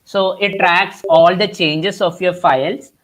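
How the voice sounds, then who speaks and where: Over a computer mic on a video call, a young workshop instructor with an Indian accent explains concepts at a measured pace, often restarting and using fillers. His voice is high, slightly bright, and fairly even in intonation.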